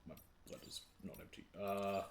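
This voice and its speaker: A man's voice: sits low, little pitch movement, normal speed. A man giving casual gameplay commentary, muttering to himself in short fragments. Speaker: gamer playing and commenting on a video game. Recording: clearly noisy, game sounds behind voice.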